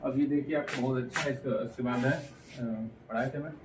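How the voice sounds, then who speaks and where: A man's voice: mid-range voice, fairly even intonation. Guy teaching biology for exams, keeps saying "theek hai", sounds far from the mic in an echoey room. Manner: repeats "theek hai" constantly, drills key terms; reads English textbook phrases slowly, word by word. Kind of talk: exam-prep lecture. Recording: roomy, from off the mic, faint room hum.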